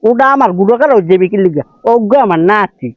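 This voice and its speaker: An older actor performs a scolding, fussing, doting grandfather in a comedic village drama. His voice sits high and is expressive and quick, with no echo, and the dull lo-fi audio carries faint music.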